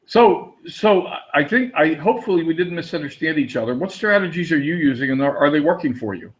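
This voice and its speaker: In dull lo-fi audio, a man with a Pennsylvania Dutch accent runs a live webinar, talking with viewers and naming them as he calls on them. His voice is on the high side, brisk, with lively intonation.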